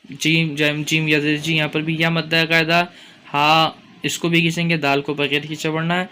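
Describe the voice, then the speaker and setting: A man with a Pakistani Urdu accent teaching Quran recitation rules, explaining each point and chanting verses slowly. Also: a little high, sharp tone, a little hiss or hum. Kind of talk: tajweed lesson with chanted recitation.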